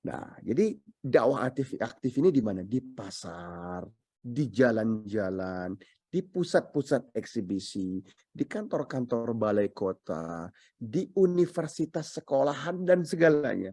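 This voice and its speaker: A man with a mellow, slightly husky voice delivers an emphatic sermon, repeating phrases for weight and dropping English phrases in along the way. The sound is dry and close. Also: mid-range voice, very animated, measured pace, no echo. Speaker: preacher.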